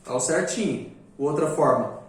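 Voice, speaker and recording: A man teaching a live class, casual and joking, often tagging his points with a quick question. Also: a little high, expressive. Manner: joking, chatty, repeats "né?" often. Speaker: magic course teacher. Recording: echoey room, distant mic.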